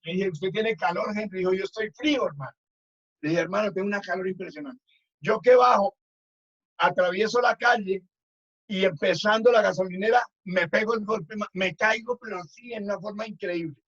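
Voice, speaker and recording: A man's voice: high-pitched, fairly quick, a bit bright. A man, a minister telling a testimony with many restarts in a Sabbath school lesson. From Colombia. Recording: dull lo-fi recording.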